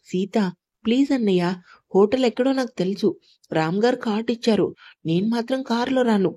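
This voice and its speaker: A woman's voice: a little high, moderate pace, dark tone, natural voice. Stubborn young bride, read by a woman. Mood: firm. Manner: pleading yet firm.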